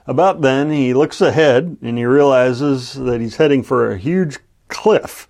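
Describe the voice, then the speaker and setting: A pastor preaching a Bible sermon on the radio. He tells a story in a mid-pitched voice and acts out its shouted lines. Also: a little slow, vocal fry. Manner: storytelling with lively acted-out exclamations.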